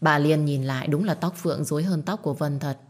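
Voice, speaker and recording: A woman narrating a dramatic story, with a steady, expressive reading style. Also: sits low, fairly quick.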